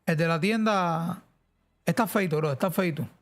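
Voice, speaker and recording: A man's voice: fairly high pitch, normal speed. A man with a central Cuban accent, chatting casually and rambling on a live game stream. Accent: central Cuban Spanish. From central Cuba. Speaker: streamer host.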